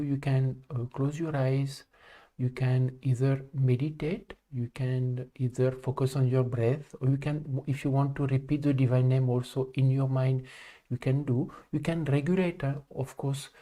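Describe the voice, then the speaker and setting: A man from France, hosting a live spiritual talk in a calm, halting way with frequent pauses. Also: mid-range voice. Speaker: live stream host and spiritual speaker. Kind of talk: live stream talk to viewers.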